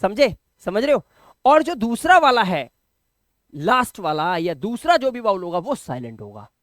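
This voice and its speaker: A man's voice: high voice, sing-song, normal speed, fairly bright tone, dry recording, clean studio sound. A man teaching English pronunciation in a patient classroom style, often asking a question and answering it himself.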